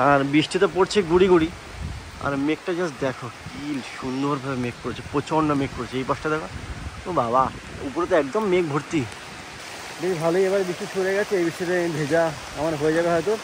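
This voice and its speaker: A man's voice: a little high, noisy background. A young man chatting casually as a vlogger, narrating what he does as he goes. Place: outdoors on a rooftop in the rain.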